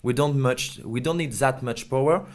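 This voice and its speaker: Speaking at a normal speed and medium pitch, a man representing his company explains a product during an interview. He phrases things hesitantly, like a non-native English speaker.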